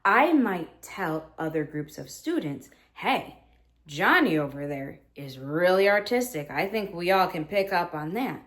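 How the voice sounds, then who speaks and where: A woman teacher in her thirties, lowish-voiced and speaking a little slowly, shares classroom practice earnestly with fellow teachers. Her manner is animated, and she acts out her own quoted words to students.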